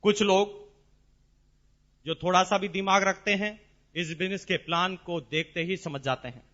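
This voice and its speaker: A man speaking as a motivational business seminar speaker in a large hall, emphatic and repetitive, with rhetorical questions and drawn-out stresses. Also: high voice, fairly even intonation, bright, forceful tone, dull audio.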